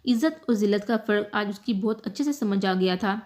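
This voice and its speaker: A woman narrating a romantic novel aloud in an emotive, measured storytelling manner. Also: medium pitch, darkish tone. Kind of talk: scripted novel reading.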